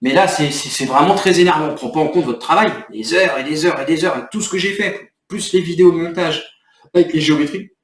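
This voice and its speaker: A man's voice: fairly high pitch, fast talker, far from the mic. A man talking to camera in an irritated, rambling way, explaining his next video and venting. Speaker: video creator. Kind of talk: agitated talking-to-camera vlog. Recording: echoey room, off mic.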